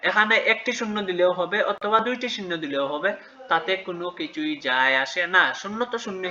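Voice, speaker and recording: Bright-voiced man teaching children math. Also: high-pitched, highs cut off, slight background noise. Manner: patient, asks questions and answers them himself. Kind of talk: step-by-step math lesson for children.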